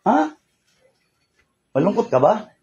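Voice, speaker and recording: A man's voice: high-pitched, very animated, slow pace, dull audio, a crowd in the background. A man leading a healing session as a faith healer, sternly scolding and pressing with repeated questions. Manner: stern, keeps demanding "ha?". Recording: noisy room recording.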